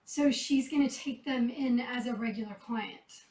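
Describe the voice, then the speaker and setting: A cat rescuer with a high-pitched voice chats softly and a little slowly while tending kittens in an indoor kitten room, talking to the cats between remarks. She is losing her voice and sounds slightly hoarse. Seated far back from the mic, she is heard in a room full of echo.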